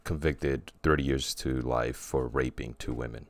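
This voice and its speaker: A man's voice: very deep voice, steady tone, moderate pace, no room sound. A man co-hosting a casual chat podcast, rambling and often restarting his sentences. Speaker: podcast co-host.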